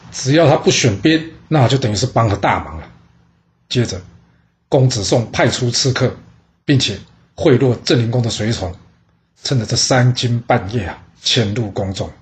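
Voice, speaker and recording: At medium pitch and a moderate pace, a man narrates an ancient court story informally. He keeps it lively by raising questions and supplying the answers himself.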